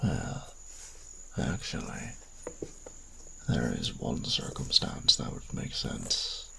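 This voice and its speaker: This sinister, courtly dark magical being from a fantasy audio roleplay has a very deep, crackling, gravelly voice that drops into breathy near-whispers. Very animated and heavily acted, he sounds curious and courteous, speaking slowly and formally with arch, teasing politeness and a quiet menace.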